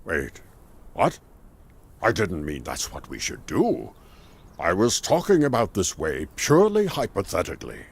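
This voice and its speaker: A wise male mage in a game cutscene, calm and patient. His voice is very low and husky, with lively swings of pitch. He explains in a measured, steady way. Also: exaggerated voice. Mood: explaining.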